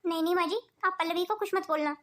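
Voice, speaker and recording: A woman's voice: extremely high pitch, fast talker, fairly bright tone. A woman voicing a sweet, hardworking elder daughter-in-law in a cartoon, speaking politely and soothingly. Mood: gentle. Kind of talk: cartoon voice acting.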